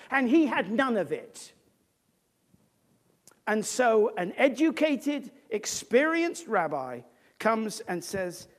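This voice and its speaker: Animated woman preaching a sermon. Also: on the high side. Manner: emphatic, explanatory, conversational asides.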